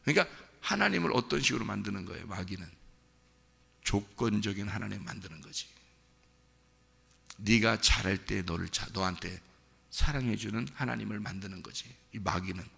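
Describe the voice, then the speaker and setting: A man preaching from the pulpit with a heavily gravelly, bright and forceful tone. He talks earnestly and conversationally, as if speaking to each listener. His voice rings out with a long reverb through a church hall. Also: fairly low pitch, animated, normal speed. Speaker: pastor. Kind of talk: sermon. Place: church sanctuary.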